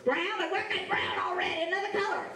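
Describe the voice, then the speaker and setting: A woman with a Cajun accent telling a story to children in a playful, animated way, acting out the dialogue. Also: very high voice, quick pace. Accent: Cajun Louisiana. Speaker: storyteller and face painter. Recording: echoey large room, distant mic.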